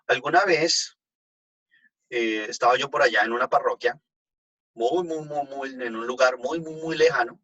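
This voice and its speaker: A man, a priest, giving a relaxed talk on liturgy to a group and taking their questions, checking in often with his listeners. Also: medium pitch, low-quality recording. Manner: conversational, checks in with "¿no?" and "pues". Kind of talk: informal teaching talk with audience questions.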